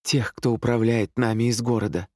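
A man voicing a frightened young woman nurse who pleads in a raised, high voice. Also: fairly even intonation, moderate pace, a little mellow, no room sound, studio quality, natural voice. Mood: wary.

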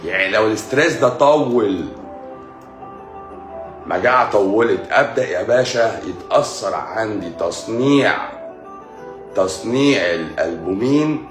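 A man's voice: on the low side, expressive, normal speed, long pauses. A man with an Egyptian Arabic accent, a doctor giving a casual live-stream medical lecture, often repeating key words back as questions. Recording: echoey room, faint music.

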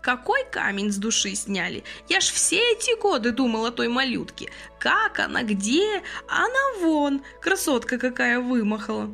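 Female reader voicing a lively, high-pitched old man, soft-hearted and quick to tear up, in an audiobook. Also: gravelly, soft background music, heavily acted. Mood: wistful. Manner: tearful, fussy, exclamatory. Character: kindly, emotional old man, a retired train conductor.

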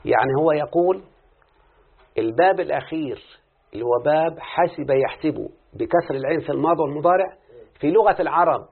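Egyptian male tutor, fairly high voice, questioning and repeating answers, lo-fi phone-quality recording. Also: lively intonation, a little fast, vocal fry, breathy edge. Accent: Egyptian Arabic. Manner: quizzing, coaxing, repeats answers back. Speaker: teacher of Arabic morphology. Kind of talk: classroom lesson with questions to a student. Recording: phone-like lo-fi audio.

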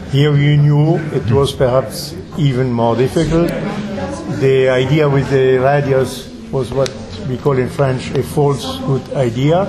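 German man, german native, very slow deliberate speech, crowd chatter behind. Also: mid-range voice, steady tone, poor audio. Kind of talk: group discussion.

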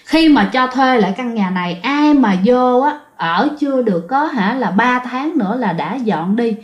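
A woman's voice: a little high, expressive, moderate pace, muffled recording. A woman narrating a ghost story in a chatty way, talking directly to her listeners. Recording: roomy echo.

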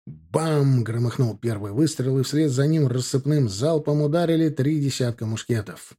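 A man narrating a historical war story in a steady, measured reading. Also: mid-range voice, husky. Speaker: audiobook narrator. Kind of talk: scripted narration.

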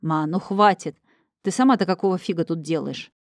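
An exasperated young man urges his mother along in a hurried, lowish voice, as a woman reader puts him on. It is a close, dry audiobook reading. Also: no room sound, lightly acted.

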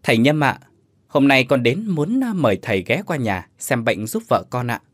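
A man's voice: medium pitch, big pitch swings, moderate pace, no room sound. A polite, hesitant young husband, voiced by a male storyteller stammers respectfully to his elders. The sound is close and dry. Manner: stammering, deferential.

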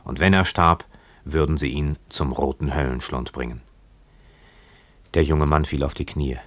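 A man reads a story aloud with a measured, dramatic delivery. His voice sits extremely low, and the recording is close and dry with no room sound. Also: steady tone, fairly bright tone, dry recording. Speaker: narrator. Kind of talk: audiobook reading.

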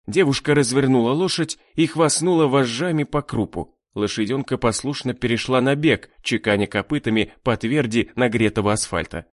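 A man narrating an adventure story in an animated storytelling manner. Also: medium pitch, moderate pace, hardly any pauses, no echo, studio quality. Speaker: audiobook narrator. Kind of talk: scripted narration.

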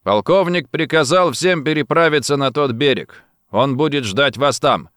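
A man voicing a calm, clever male secret agent who speaks quietly and deliberately. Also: mid-range voice, dry recording, clean studio sound, pitched above the performer's own voice, natural voice. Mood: commanding.

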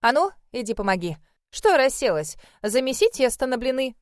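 A woman voicing a hearty, fussing middle-aged mother-in-law who talks loudly and exclaims a lot. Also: sits high, big pitch swings, normal speed, dry recording, clean studio sound, voice pushed up. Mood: boisterous.

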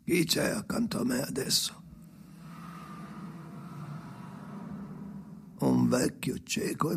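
With a gravelly, creaky voice at medium pitch, an actor voices Henry, haunted and restless, speaking to his dead father in an avant-garde radio drama monologue against a noisy background. His mood is haunted and brooding, and his theatrical, halting, obsessive delivery swings from murmurs to shouts.

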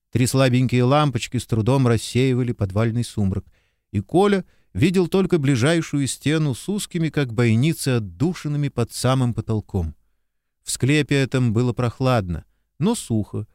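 A man narrating an audiobook in an expressive, measured storytelling voice, recorded close to the mic. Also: mid-range voice, no echo. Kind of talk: scripted narration.

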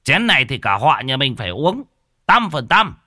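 A man voicing a boisterous, drunk old man who shouts bossy toasts. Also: mid-range voice, wildly swooping pitch, normal speed, no echo, studio quality, voice pushed up, exaggerated voice. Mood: rowdy.

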